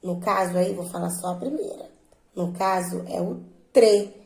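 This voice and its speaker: Woman teacher going over homework, slow and patient, bit of vocal fry. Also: on the low side, echoey room, low-quality recording. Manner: slow, patient, stresses syllables by drawing words out. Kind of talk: remote lesson walking students through exercises.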